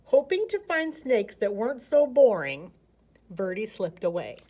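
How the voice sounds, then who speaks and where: A woman's voice: mid-range voice, very animated, measured pace, mellow. An American woman narrating a children's picture book expressively as a storyteller.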